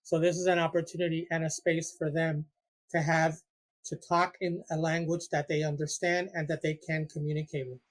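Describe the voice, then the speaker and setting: Earnest Puerto Rican-born man, flat delivery. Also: on the high side, normal speed. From Puerto Rico. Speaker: support group facilitator. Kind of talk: interview answers.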